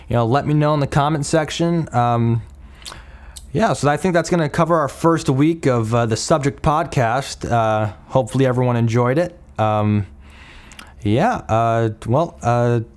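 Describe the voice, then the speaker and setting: A young man from Minnesota talks through a casual solo podcast episode. He rambles, circling back with plenty of ums, uhs and false starts. His pitch sits in an ordinary middle range. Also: animated, moderate pace, darkish tone, clear, resonant tone. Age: young adult. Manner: rambling, many fillers and restarts. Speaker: podcast host.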